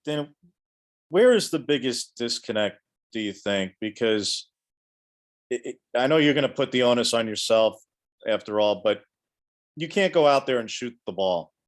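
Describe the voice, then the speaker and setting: A man's voice: medium pitch, animated, normal speed, long pauses. A man, a reporter, asking a coach a long, pointed question at a press conference.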